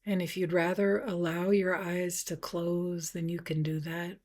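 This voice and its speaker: With a lowish voice and an even tone, a woman meditation instructor talks her listeners through a practice. She is soft and gentle, unhurried in her pauses, at times breathy.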